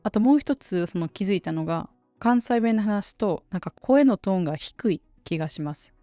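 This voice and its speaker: Woman, Kansai Japanese accent, chatty podcast host, mellow tone, dry recording. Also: medium pitch, fairly quick, no echo, soft background music. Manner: chatty and relaxed, dialect-heavy. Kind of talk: casual solo podcast talk.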